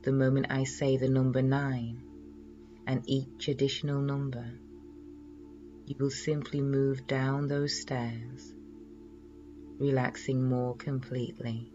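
A man leading a guided relaxation in a slow, soothing hypnotist's manner, measured and full of pauses. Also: medium pitch, monotone, dark tone, lo-fi sound, soft background music.

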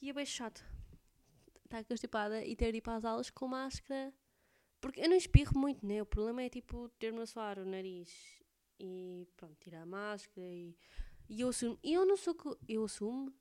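A chatty teenage girl with a European Portuguese accent rambles on to her viewers, full of fillers. Her voice sits a little high and rings smooth and clear. She sounds slightly congested, with a touch of phlegm. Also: animated, a little fast, darkish tone. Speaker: student vlogger. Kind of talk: casual chat to camera.

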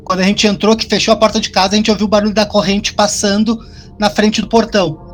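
A man co-hosting a podcast, telling a personal story in casual, animated, profane chat. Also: high-pitched, fast talker, slight background noise.

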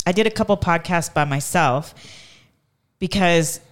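A woman hosting a podcast in casual chat, chatty and self-deprecating and quick to laugh. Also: fairly low pitch. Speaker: podcast host.

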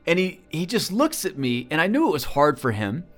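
A man telling a personal story in a talk, earnest and halting, often repeating words as he goes. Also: fairly high pitch, very animated, faint music behind. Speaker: speaker.

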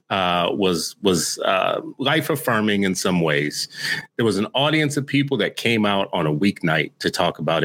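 Deep-voiced man hosting a video call chat. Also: a bit bright. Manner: joking, loose and conversational. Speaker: podcast host.

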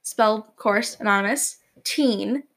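A woman's voice: on the high side, lively intonation, unhurried. A teenage girl co-hosting a podcast, making show announcements in casual chat, flustered and stumbling over her words. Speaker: podcast co-host.

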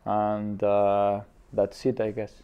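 A man of thirty from Colombia, a guest in a casual interview, talking with many pauses and fillers. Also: fairly low pitch, monotone, clean tone, narrow, tinny audio. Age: 30s.

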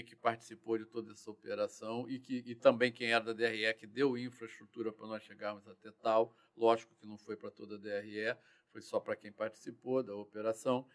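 A man, a former police chief telling war stories in a slangy, profane, animated way. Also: mid-range voice. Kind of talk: casual storytelling interview.

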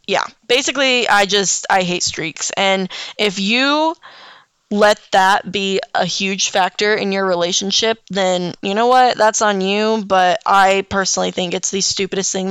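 Young woman, solo podcast host, casual and rambling, swears freely, yawny and hiccupy; smooth clear voice, dry close sound. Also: mid-range voice, a bit bright, no room sound. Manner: rambling, frank, swears often, many ums and likes. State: yawning and hiccuping.

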